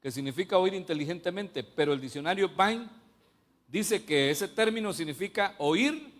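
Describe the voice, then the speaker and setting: A man's voice: high voice, lively intonation, moderate pace, a bit bright. A man preaching a sermon, stressing points by repeating them and putting questions to the congregation. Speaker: pastor.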